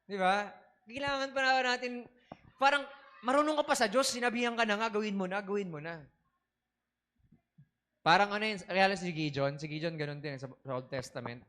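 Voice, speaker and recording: A man preaching as a bishop in a high, bright, tense voice. He keeps checking in with the congregation through short questions and slips English phrases in between. His sermon delivery is lively. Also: a little fast, long pauses.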